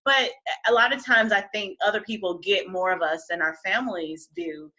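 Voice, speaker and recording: A woman hosting a podcast, chatting casually with her guest, encouraging and quick to laugh. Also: medium pitch, lo-fi sound. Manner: warm, encouraging, laughs easily. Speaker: podcast host. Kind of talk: casual interview chat.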